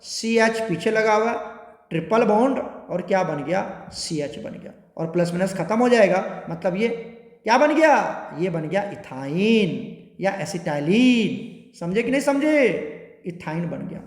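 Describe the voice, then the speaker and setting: Male chemistry teacher, very high voice, quizzes students nonstop, lecture in a reverberant hall. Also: lively intonation. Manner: questioning students constantly, repetitive, drawn-out spelling. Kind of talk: classroom lecture. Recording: echoey room with long reverb.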